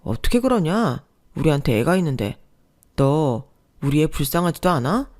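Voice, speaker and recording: A woman's voice: low voice, sing-song, moderate pace, a little mellow. A woman voicing a sulky, self-pitying husband who talks in a defensive, whiny way.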